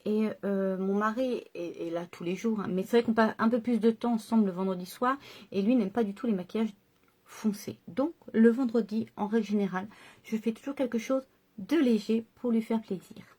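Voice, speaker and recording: A woman's voice: a little high, dark tone. Chatty woman talking through makeup. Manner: chatty, self-deprecating, pauses with fillers. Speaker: makeup vlogger. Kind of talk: casual makeup tutorial chat.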